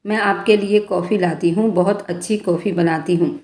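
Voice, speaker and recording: A woman's voice: medium pitch, steady tone, moderate pace, darkish tone, lightly acted. A woman voicing a chatty, playful young female office worker in a bedtime story. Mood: warm. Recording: echoey room.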